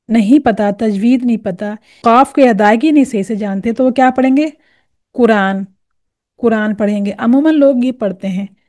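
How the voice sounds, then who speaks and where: A woman teaching tajweed, patiently explaining and slowly drilling each letter sound. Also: fairly high pitch, mellow, no echo, clean studio sound. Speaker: Quran recitation teacher. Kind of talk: tajweed lesson.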